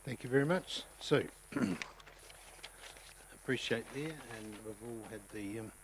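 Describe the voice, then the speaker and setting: A man's voice: mid-range voice, a little hiss or hum, rough recording. Man chairing a council meeting. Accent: New Zealand. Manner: relaxed, halting with many ums, louder when calling votes.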